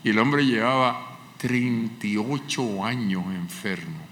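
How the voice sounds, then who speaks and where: A male pastor preaching a sermon with passion, swinging from loud cries to hushed, pleading lines. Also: lowish voice, slow pace, a little hiss or hum. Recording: echoey hall with faint ambience.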